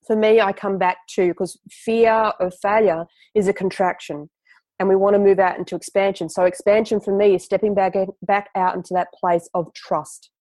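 A woman co-hosts a casual podcast chat in a dry, close-sounding space. She speaks in an encouraging, reflective way at a mid-range pitch. She slows down to lean on the words that matter. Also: darkish tone, no echo. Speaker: podcast co-host.

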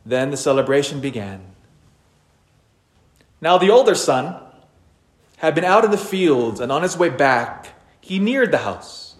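A priest reading the Gospel at Mass in a measured, unhurried way, heard with a cathedral echo in a large church. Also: male voice, on the high side, big pitch swings. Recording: roomy church reverb.

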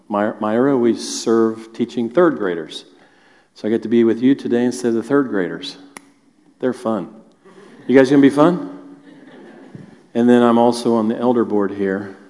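A church elder hosts a stage interview in a church auditorium, questioning his guests in a friendly, joking way. His voice is mid-range and mellow, and the hall is reverberant.

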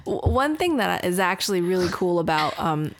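A woman's voice: fairly low pitch, sing-song, moderate pace, faint music behind. A woman from Beijing whose first language is Mandarin, a podcast guest in casual chat who tells stories animatedly and laughs often. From Beijing, China. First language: Mandarin Chinese.

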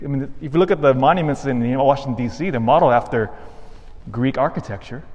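Male clergyman, slightly high voice, cathedral echo, long church reverb, homily. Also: a little mellow. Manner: measured liturgical reading, then a conversational homily with restarts. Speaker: clergyman at Mass. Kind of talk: Gospel reading and homily.

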